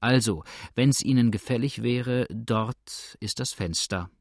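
A man doing a calm, shrewd innkeeper. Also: medium pitch, dry recording. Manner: calm, dry, unhurried.

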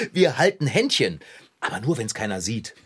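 An actor playing an easygoing young bike mechanic in a children's audio play, chatting casually. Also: male voice, mid-range voice, huge pitch swings, moderate pace, slightly rough, exaggerated voice.

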